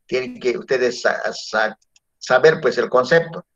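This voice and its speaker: A man's voice: mid-range voice, a little slow, fairly bright tone. A male teacher giving a classroom lecture, often checking in with his students through tag questions. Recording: dull lo-fi classroom recording.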